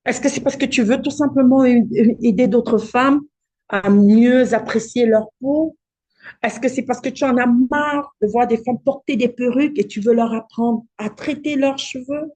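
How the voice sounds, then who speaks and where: A woman's voice: on the high side, a little slow, mellow. Coaching woman asking rhetorical questions. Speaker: cosmetics business coach hosting a live challenge. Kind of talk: live online workshop talk.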